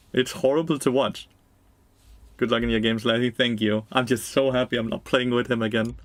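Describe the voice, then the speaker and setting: A man's voice: mid-range voice, no echo. A young man streaming a game, giving blunt, profane commentary, laughing and answering chat. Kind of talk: casual gameplay commentary.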